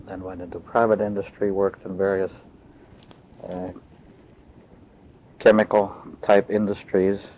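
An older man from Austria, recalling his life story in a measured, matter-of-fact way, pausing to search for words. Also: lowish voice, darkish tone, a little hiss or hum. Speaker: interviewee. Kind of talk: oral history recollection. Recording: dull lo-fi tape recording.

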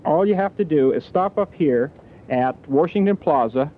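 A man's voice: on the high side, expressive, moderate pace. A man hosting a call-in radio show, talking listeners through a prize giveaway in easy on-air patter, with frequent filler sounds. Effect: radio broadcast sound. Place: radio station studio. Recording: tinny, lo-fi radio broadcast.

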